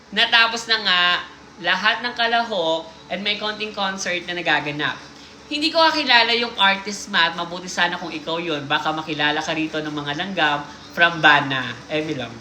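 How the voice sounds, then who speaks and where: Woman host reading listener stories on a stream, bright voice, playful and teasing; roomy echo. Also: on the low side, expressive, moderate pace, a little hiss or hum. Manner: playful, teasing asides while reading aloud. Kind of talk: casual livestream chat.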